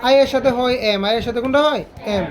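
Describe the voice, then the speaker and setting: Woman teacher, high voice, keeps quizzing the class. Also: fairly quick. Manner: asks students repeated questions. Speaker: English teacher. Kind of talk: classroom grammar lesson.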